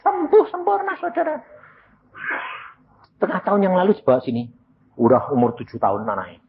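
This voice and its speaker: A man's voice: brisk, creaky, phone-quality sound, a little hiss or hum. An older man preaching a sermon, telling stories with lots of energy and acting out the voices of the people in them. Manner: animated storytelling, acting out quoted voices, jumps high in pitch; mixes Javanese words into Indonesian, calls the congregation "saudara".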